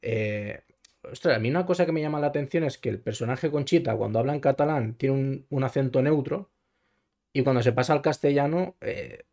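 A man's voice: medium pitch, a little fast, dark tone. A man co-hosting a podcast, chatting casually about films, rambling with many restarts. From Valencia. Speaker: podcast co-host. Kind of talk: casual film chat.

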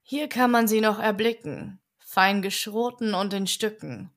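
A woman reading a rhymed children's story aloud as a calm bedtime audiobook. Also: mid-range voice. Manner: slow, soothing rhymed recitation. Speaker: audiobook reader.

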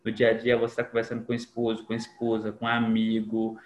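A man's voice: lowish voice, completely flat delivery, fast talker. Man talking in an echoey room. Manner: reflective, acts out quoted dialogue. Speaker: podcast guest. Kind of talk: casual conversation. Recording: echoey room with faint noise.

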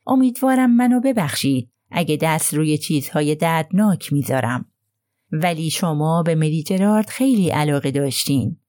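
Polite, probing older detective read by a woman, measured questions, dry close voice. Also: low voice, animated, darkish tone, dry recording.

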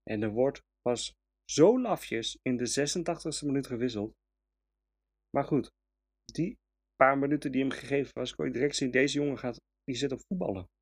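A man's voice: mid-range voice, moderate pace, breathy edge. A man from the Netherlands giving an opinionated, emphatic match review as a fan podcast host, with frequent hesitations. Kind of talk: casual match review monologue.

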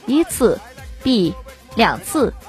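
A young woman telling jokes on air, with a lively delivery, often laughing and acting out voices. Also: fairly high pitch, slow pace, faint music behind. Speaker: comedy storyteller.

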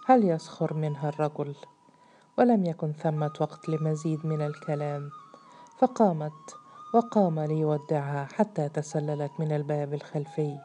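A woman narrating a literary audiobook in a measured, even reading. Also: low-pitched.

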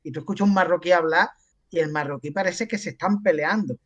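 A man's voice: fairly high pitch, fast, fairly bright tone, highs cut off. A man with an Andalusian Spanish accent, a podcast guest telling anecdotes in casual chat and acting out the voices of the people he quotes. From Andalusia, Spain.

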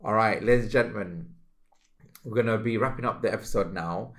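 A man co-hosting a casual spiritual podcast, animated and exclamatory as he acts out his reactions. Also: on the low side, brisk. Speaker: podcast co-host.

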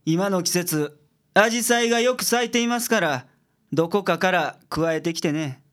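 This radio-drama role has a man playing a blunt, logical private detective with a Kansai accent, gruff on the surface but secretly soft-hearted. Composed, he explains matters to his juniors bluntly, in a high, fairly bright voice at moderate speed.

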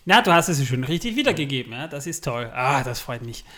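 A man's voice: medium pitch, sing-song, brisk, fairly bright tone. A man with an Austrian accent, co-hosting a podcast in a joking, rambling way full of fillers. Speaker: podcast co-host. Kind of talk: casual chat.

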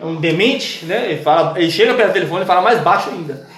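Young man, podcast co-host, slightly high voice, teasing banter, echoey room. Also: lively intonation, fast, fairly bright tone, slight background noise. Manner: joking, teasing, retells stories with voices. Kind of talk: loud casual banter. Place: room with several friends.

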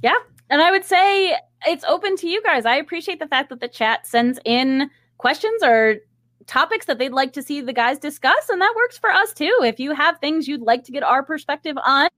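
A woman's voice: high voice, animated, moderate pace, fairly bright tone, no echo, studio quality. A woman co-hosting a podcast in casual chat, enthusiastic and giggly. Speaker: podcast co-host.

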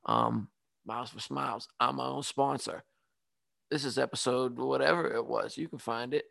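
Gravelly man ranting on his podcast. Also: medium pitch, normal speed, no room sound. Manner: animated, ranting, self-mocking. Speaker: podcast host. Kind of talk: casual solo monologue. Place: home studio.

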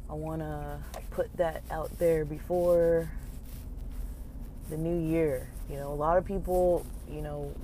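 Mellow-voiced podcaster rambling while driving. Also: medium pitch. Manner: informal, hesitant, meandering. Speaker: podcast host. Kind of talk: casual rambling monologue. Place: inside a car while driving. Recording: muffled road noise inside moving car. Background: vehicle noise.

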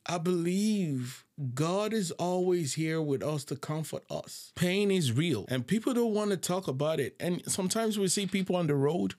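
A man with a slightly raised speaking pitch shares a personal reflection on suffering and faith. He talks earnestly and haltingly, circling back and repeating words while he looks for the right ones. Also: a little mellow. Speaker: podcast host. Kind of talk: reflective solo talk about faith. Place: living in Japan.

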